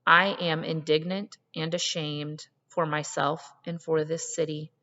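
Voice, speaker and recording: A woman voicing an elderly, indignant but compassionate vice principal in a storybook reading, with earnest, deliberate, emphatic phrasing. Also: deep voice, little pitch movement, sharp tone. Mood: grave, ashamed. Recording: muffled, long hall reverb.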